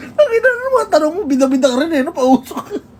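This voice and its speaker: A woman with a high voice squabbles casually with her partner, firing back defensive, swear-laden retorts. Her pitch swings widely as she teases and protests. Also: sing-song, quick pace, a little hiss or hum. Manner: defensive, swears often, teasing comebacks.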